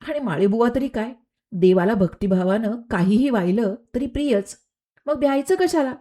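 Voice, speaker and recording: A woman voicing a serene saintly queen who speaks calmly and kindly in a storybook tale. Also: on the high side, moderate pace. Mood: gently teasing. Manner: calm, soft, kindly.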